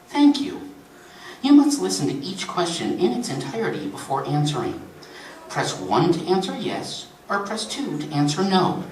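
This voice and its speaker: A man's voice: a little high, huge pitch swings, normal speed, darkish tone, reverberant, distant mic, a little hiss or hum, voice pushed up, low-quality recording. A man voicing a prim automated telephone menu that turns needling, reading aloud to an audience. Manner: clipped menu prompts turning snide. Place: convention reading room.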